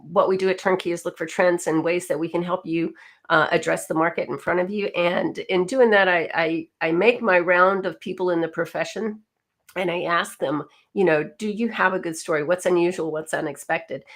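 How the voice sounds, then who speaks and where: A woman's voice: on the low side, fairly bright tone. A middle-aged woman with a light Southern US accent hosting a webinar while she has a cold, chatty and full of ums. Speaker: webinar host.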